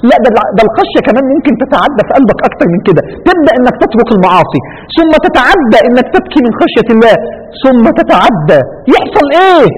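A man with an Egyptian accent preaching a sermon, fervent and full of rhetorical questions, with a husky voice. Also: extremely high pitch. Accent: Egyptian Arabic. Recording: dull radio broadcast with long hall reverb.

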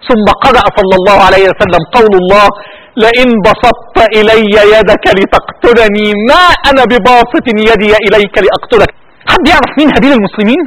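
Egyptian male preacher, very high and lively voice, impassioned and pleading sermon delivery. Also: slight background noise, poor audio. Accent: Egyptian Arabic. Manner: impassioned, pleading, voice breaking with emotion.

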